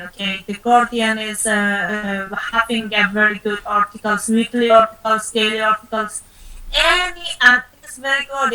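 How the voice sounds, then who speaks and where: A woman's voice: a little high, bright, forceful tone, poor audio. A woman mentor advising students in an online session, encouraging and repetitive, with many fillers and restarts.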